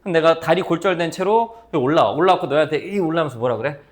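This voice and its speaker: A man's voice: fairly high pitch, racing. A man teaching math to a class, explaining with playful stories and acting out his students' voices. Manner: lively, playful storytelling with acted-out student voices. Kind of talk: classroom lecture.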